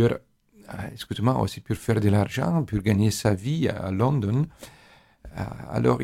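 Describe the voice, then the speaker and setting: Creaky-voiced man with foreign accent in French. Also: lowish voice, a little mellow. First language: Italian. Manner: halting, searching for words in imperfect French. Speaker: musician interviewed as expert on organ music. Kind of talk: explanatory interview talk.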